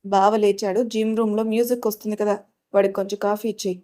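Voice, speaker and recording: A woman's voice: medium pitch, little pitch movement, quick pace, dark tone, natural voice. Woman doing a doubtful, motherly aunt. Audio story. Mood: suspicious. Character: older aunt, suspicious, motherly.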